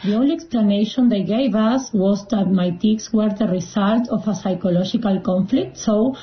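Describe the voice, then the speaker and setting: A young woman from Argentina, a native Spanish speaker, speaking English in an interview with hesitant pauses and fillers. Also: medium pitch. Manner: hesitant, with frequent fillers and restarts. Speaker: guest. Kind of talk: personal account in an interview. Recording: roomy, dull-sounding recording.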